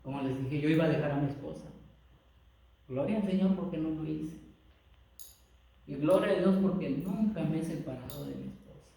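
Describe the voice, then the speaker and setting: A man's voice: fairly high pitch, normal speed, pauses often, dark tone. A man preaching a sermon as a lay preacher, impassioned, calling listeners brothers and often stumbling over repeated words. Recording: very echoey room, mic far off.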